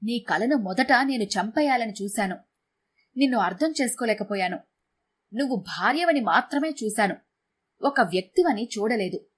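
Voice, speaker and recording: A woman storyteller voicing a young husband who apologizes slowly and remorsefully. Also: on the high side, expressive, breathy edge. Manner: slow, apologetic.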